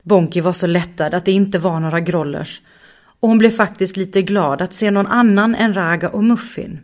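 A woman narrates a children's story at a calm, measured pace. Her voice sits slightly low for a woman. The reading is steady and unhurried.

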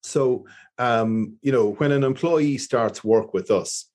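A man's voice: medium pitch, slow, a little mellow. A man with an Irish accent, a business owner talking earnestly in an interview and repeating his key points. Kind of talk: conversational interview.

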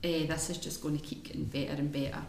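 A woman's voice: low voice, level tone, fast, creaky, darkish tone. A Scottish woman speaking candidly and chattily as a guest in a live podcast interview. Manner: candid, chatty, plain-spoken. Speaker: guest runner. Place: room at a live event. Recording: echoey room, faint noise.

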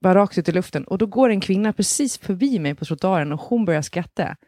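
A woman's voice: mid-range voice, animated, dark tone, no room sound, clean studio sound. Laughing woman telling a story in casual chat. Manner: laughing storyteller who swears casually and acts out other people's lines. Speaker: podcast co-host.

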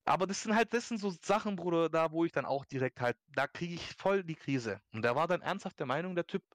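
A man's voice: fairly high pitch, a little fast, no echo, clean studio sound. A young man hosting a podcast, telling a story in casual, slangy German-style chat and acting out the people in it. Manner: animated storytelling, slangy, acts out quotes. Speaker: podcast host.

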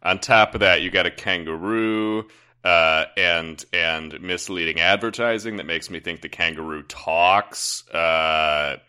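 A man co-hosting a podcast in casual chat, rambling and swearing freely in quick bursts. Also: deep voice, steady tone, pushed and bright, clean tone. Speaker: podcast co-host.

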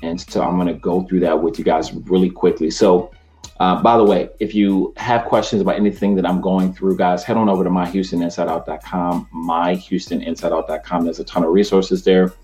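A middle-aged man hosting a casual talk show to camera, chatty and energetic. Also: sits low, brisk. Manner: energetic, chatty, laughs easily. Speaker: host, mortgage professional.

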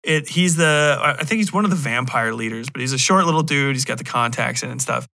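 A podcast host rambles casually through a review, his mid-range voice fairly quick and edged with vocal fry. He swears bluntly and irreverently, tossing in animated joking asides and acting out remarks he imagines people making.

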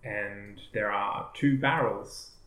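A man narrating as game master of a tabletop game, halting and full of fillers. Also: on the low side, fairly bright tone. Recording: echoey room with faint noise.

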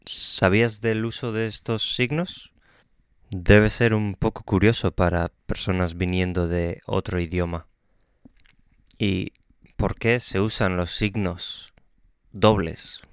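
A man hosting a podcast lesson, explaining patiently and calmly with small self-corrections. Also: low voice, clean tone, dry recording, clean studio sound. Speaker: Spanish teacher and podcast host. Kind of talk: slow, clear podcast lesson for learners.

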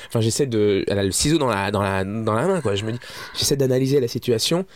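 Fast-talking man telling a wild story. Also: fairly low pitch, no echo. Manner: rapid, lots of restarts and fillers, animated. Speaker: comedian guest. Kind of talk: casual anecdote storytelling.

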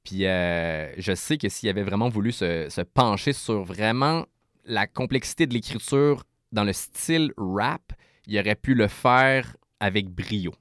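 Man, Québécois French accent, rapper guest, animated explainer, frequent restarts, dry studio sound. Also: on the low side, unhurried, dry recording. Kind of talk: casual interview chat.

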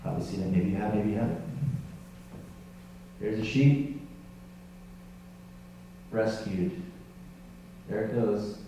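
A man preaching a sermon in a relaxed, conversational and self-deprecating way, with many restarts. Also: on the low side, takes it slowly, pauses often. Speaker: pastor. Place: church sanctuary. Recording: roomy, distant church mic with hum.

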